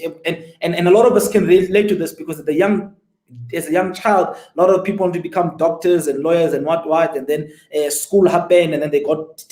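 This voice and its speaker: A man's voice: a little high, darkish tone. Emphatic young man, echoey. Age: 20s. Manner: emphatic, asks listeners rhetorical questions. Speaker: guest entrepreneur. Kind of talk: motivational interview storytelling.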